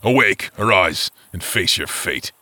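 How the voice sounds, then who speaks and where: A man's voice: low voice, lively intonation, measured pace, pushed and bright, pitched below the performer's own voice, heavily acted. A man voicing a menacing male giant with a grim, surly, growling manner. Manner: growling, threatening.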